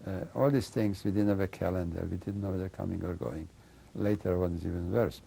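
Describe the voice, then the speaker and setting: An older man giving oral history testimony, halting as he searches for words and often adding "you know.". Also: deep voice, creaky, dark tone, a little hiss or hum. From Slovakia and Hungary. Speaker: interviewee recounting memories.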